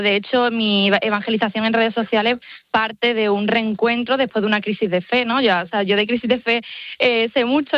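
Fast-talking young woman, lo-fi line. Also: mid-range voice, dry recording. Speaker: digital missionary guest. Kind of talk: phone-in radio interview. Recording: slightly dull lo-fi line.

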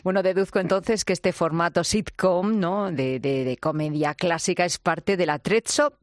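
A male radio host with a Castilian accent and a distinctly high voice. He interviews casually, in colloquial, questioning phrases. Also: moderate pace, no room sound, studio quality. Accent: Castilian Spanish.

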